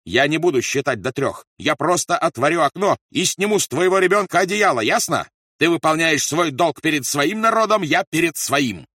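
Guy doing a screaming cruel interrogator, high and strained, dry close sound. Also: animated, moderate pace, husky, dry recording, full character voice. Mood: raging. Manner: shouting, raging, threatening. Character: ruthless male wartime interrogator, shouting, volatile.

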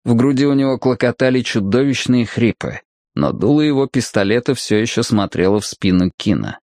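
A man narrating an audiobook in a steady, even storytelling manner. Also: mid-range voice, a little fast, no echo, studio quality. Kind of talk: scripted narration.

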